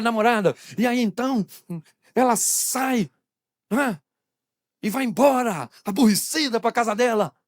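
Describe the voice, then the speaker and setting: A man's voice: very high voice, no room sound, clean studio sound. A male pastor from Brazil giving a humorous sermon in a church, talking straight to the congregation and acting out little scenes.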